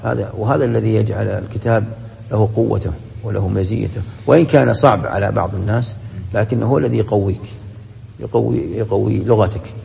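Gravelly fast-talking sheikh teaching class. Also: male voice, fairly low pitch. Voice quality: gravelly, quick and emphatic, breaks off and restarts words. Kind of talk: classroom lecture with questions to students. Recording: dull, echoey lecture-hall recording.

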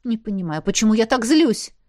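A woman's voice: a little high, sing-song, brisk, a little mellow. A woman voicing a young heroine who speaks heatedly and indignantly. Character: young woman heroine, hot-tempered and defensive.

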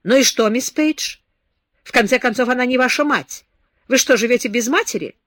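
Woman playing a harsh sarcastic guy scolding hard, loud, dry audiobook. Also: fairly high pitch, moderate pace, no room sound, voice pushed up, natural voice. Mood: stern. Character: stern scornful man scolding a drunk girl.

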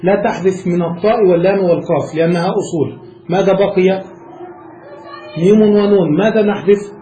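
A man's voice: sits high, fairly quick, mellow, a little hiss or hum. A man teaching a grammar class, explaining step by step and putting questions to his students. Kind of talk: classroom lesson explaining a text. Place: room with students present. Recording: roomy echo.

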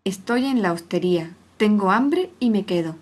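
A woman's voice: mid-range voice, lively intonation, moderate pace, a little mellow, close to an everyday voice. A woman reading aloud, voicing a weary, hungry male traveler who insists on being fed. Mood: firm. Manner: insistent, growing demanding.

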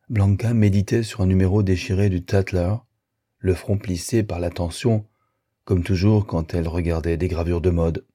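Deep, dark-voiced male narrator. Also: slightly rough, no echo, clean studio sound. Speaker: audiobook narrator. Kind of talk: literary audiobook narration.

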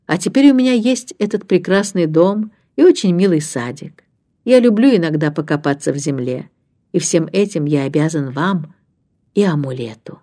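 Dreamy, grateful gentleman scholar from a storybook, low and mellow, a woman reads him with a soft hush. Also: animated, moderate pace. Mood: wistful.

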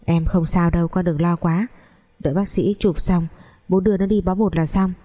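A woman voicing a calm old father with a husky voice. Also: on the low side, moderate pace, close to an everyday voice. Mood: reassuring.

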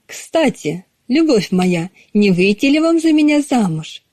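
A woman's voice: on the high side, very animated, a little slow, dark tone, no echo, clean studio sound. A woman reading the lines of a playful male suitor in a hammed-up Irish accent, within an audiobook. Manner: exaggerated Irish accent, teasing.

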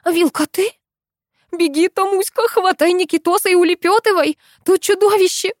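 A woman's voice: high voice, lively intonation, moderate pace, dry recording, clean studio sound, voice pushed up. A woman reading the part of a feisty, scolding young heroine in an audiobook. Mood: panicked. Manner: sharp, scolding, shouting. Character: bossy feisty young woman, quick to fight.

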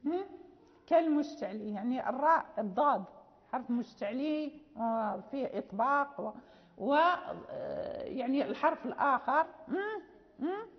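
Woman teacher, high voice, patient classroom lecture, muffled lo-fi sound. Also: expressive, normal speed. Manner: patient explaining, often checks understanding; many fillers and restarts. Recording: dull lo-fi audio with long reverb.

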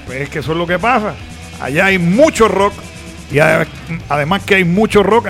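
Male radio host, Caribbean Spanish accent, high sharp voice, conversational and direct to the audience. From Caribbean island. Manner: explanatory, conversational, addressing listeners directly. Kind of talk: casual live rock radio show chat, announcing and greeting listeners.

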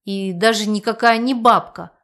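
Woman voicing a quiet sly male necromancer, audiobook figure. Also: mid-range voice, moderate pace, natural voice.

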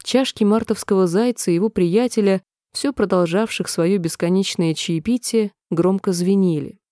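Mellow-voiced woman reading a storybook. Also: medium pitch, no echo, clean studio sound. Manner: expressive, measured storytelling. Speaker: audiobook narrator. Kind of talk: storybook audiobook narration.

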